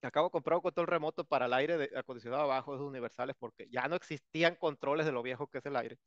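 A man's voice: mid-range voice, racing, dry recording. A man with a Mexican Spanish accent teaching an English lesson in a casual, joking way with colloquial asides. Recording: dull lo-fi dry sound.

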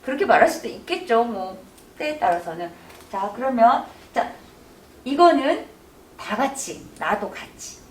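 A woman teaching English to older students, slowly drawing out and exaggerating example phrases. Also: on the high side, very animated, slight background noise. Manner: drawn-out, exaggerated English drills. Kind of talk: classroom lesson. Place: senior welfare center classroom. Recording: echoey room, distant mic.

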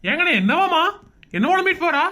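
A teasing unmarried neighbor in her late thirties, voiced by a woman for a cartoon comedy. Her voice sits high and she talks fast. She needles everyone in quick, cheeky banter. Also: very animated, sharp tone, faint music behind, heavily acted. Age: 30s. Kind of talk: animated comedy voice acting.

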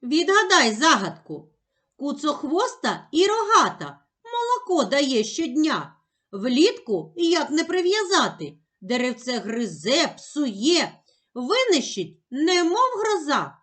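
A woman teaching young children, speaking slowly with exaggerated, sing-song emphasis on each sound and syllable. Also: high voice, big pitch swings, fairly bright tone. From Ukraine. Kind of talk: slow, clearly enunciated lesson for young children.

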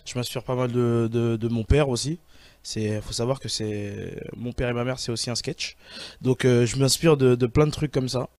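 A comedian talking casually about where his sketches come from, often pausing and searching for words. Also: mid-range voice, steady tone, a little mellow, no room sound. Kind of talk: casual interview.

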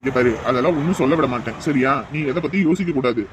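This is an actor voicing a calm, polite young son-in-law in a family drama. His speech is very fast and his voice sits at a middling pitch. Clear background noise runs under the recording. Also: natural voice. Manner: reassuring, polite. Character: calm, reassuring young husband. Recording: noisy background.

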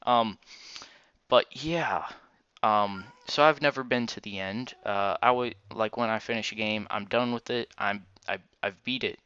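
A man with a low, clean voice gives casual Let's Play commentary with a retainer in his mouth. He rambles slowly and corrects himself as he goes. The recording is slightly dull and lo-fi. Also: pushed and bright, clean tone, no room sound. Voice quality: slight retainer-affected speech. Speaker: gaming video host. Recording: dull, lo-fi microphone.

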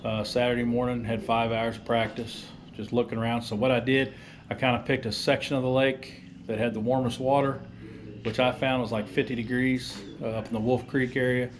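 Speaking a little fast in a level, mid-range voice, this man films a fishing vlog with an action camera at arm's length. He's an amateur tournament angler who talks casually and plainly, in a folksy manner, moving from an outdoor gravel lot into a large garage, and the handheld audio is noisy with ambient sound.

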